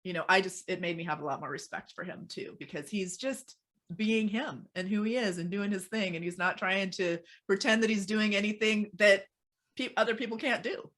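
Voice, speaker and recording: A woman's voice: medium pitch, moderate pace, a bit bright. A woman guest on a podcast, telling personal stories in a casual interview over a video call.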